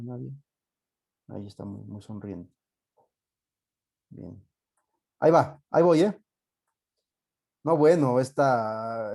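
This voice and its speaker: A man with a Mexican accent teaches a live online class in a relaxed, easygoing way. His voice sits at a middle pitch and sounds warm and mellow. He thinks aloud as he goes, with plenty of fillers and joking asides. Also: vocal fry. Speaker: university teacher.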